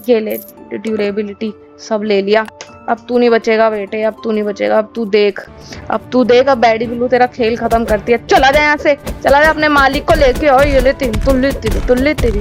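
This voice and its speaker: A woman giving comedic gameplay commentary, exclaiming and hurling dramatic threats at game enemies in repeated bursts. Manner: high-energy, exclaiming and repeating phrases. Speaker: gaming commentator. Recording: slightly dull audio with faint game music behind.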